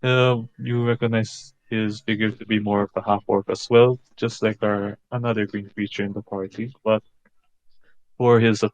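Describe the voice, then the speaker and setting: A man playing a tabletop game, describing his character in halting narration. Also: fairly low pitch, little pitch movement, no room sound, lo-fi sound. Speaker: player.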